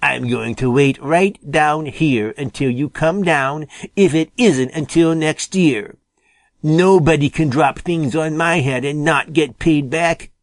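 A man's voice: fairly high pitch, takes it slowly, no echo, pitched above the performer's own voice. Man voicing a snappish angry skunk. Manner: snapping, accusing. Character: angry grudging male skunk.

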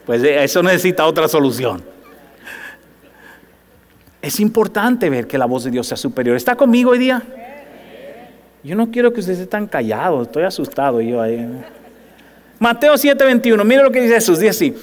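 A male pastor preaching a sermon in lively, conversational Spanish, often asking the congregation if they follow him. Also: high voice, moderate pace, long pauses, big-room sound. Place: church sanctuary.

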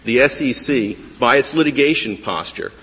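A man arguing a case before a high court, insistent and argumentative, often stumbling and repeating words. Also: lively intonation, normal speed, fairly bright tone, husky. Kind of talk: appellate oral argument. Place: large courtroom. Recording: courtroom with long reverb.

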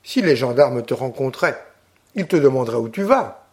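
A man voicing a young officer in an audiobook reading, with firm, measured questioning. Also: mid-range voice, lively intonation, darkish tone, husky. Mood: gentle. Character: young officer, stern then gentle.

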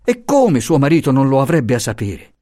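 A man's voice: medium pitch, very animated, moderate pace, mellow, dry recording, clean studio sound, pitched above the performer's own voice. A man voicing a timid, kindly male professor who pleads anxiously and repeats himself. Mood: pleading.

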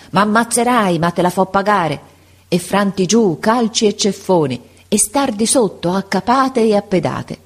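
A woman reading a classic story aloud in a measured, expressive audiobook narration. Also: lowish voice, slightly rough.

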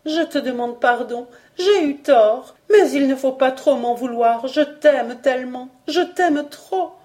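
Brief: heartbroken young poetess, read by a woman narrator, pitched up, tearful and fragile, storybook drama. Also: measured pace, darkish tone. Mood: anguished. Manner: broken, tearful.

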